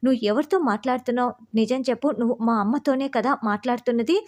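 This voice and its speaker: A woman doing a little girl, high and quick. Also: a little mellow, natural voice. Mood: suspicious. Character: little girl overacting grief.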